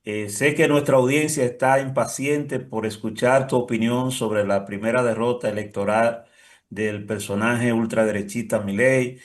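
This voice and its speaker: A man with a Dominican accent hosting an interview, introducing his guest and asking questions in a formal, somewhat rhetorical manner. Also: mid-range voice. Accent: Dominican Spanish. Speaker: interview host.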